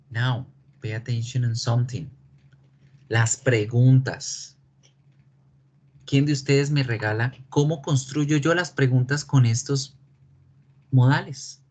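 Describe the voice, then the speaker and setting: A man whose first language is Spanish teaches an online English class, speaking slowly at a middle pitch. He explains step by step and keeps checking that students understand. Keyboard clicks and typing sound behind him. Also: darkish tone. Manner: slow, patient explaining with frequent check questions.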